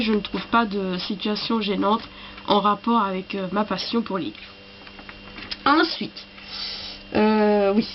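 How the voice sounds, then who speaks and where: A woman with a cold, coughing now and then, who talks to camera about books in a halting, apologetic way. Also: mid-range voice, muffled recording, slight background noise. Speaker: book vlogger. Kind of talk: casual chat to camera.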